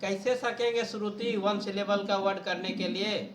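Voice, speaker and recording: Male teacher, high-pitched, patient explainer, classroom lesson, echoey room with faint noise. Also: fairly even intonation, normal speed, a crowd in the background. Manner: explains patiently, often checks understanding.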